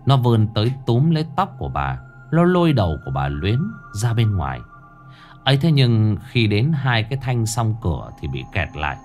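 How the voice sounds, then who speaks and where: A man's voice: fairly low pitch, sing-song, moderate pace, darkish tone, soft background music. A man narrating a horror story in a vivid, dramatic way.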